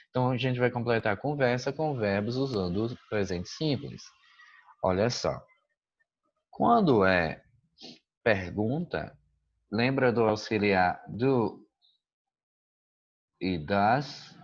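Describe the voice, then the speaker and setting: Professor explicando atividade de inglês bem devagar, sempre perguntando "certo?", som meio abafado. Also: male voice, mid-range voice, dull audio. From Brazil. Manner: patient, checks in with "certo?" often. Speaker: English teacher. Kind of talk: explaining a school exercise.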